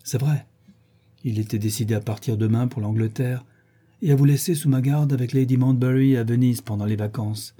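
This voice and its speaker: A man reading the lines of a calm, devoted young English gentleman in an audiobook, gentle and reassuring. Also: medium pitch, a little fast, husky, close to an everyday voice.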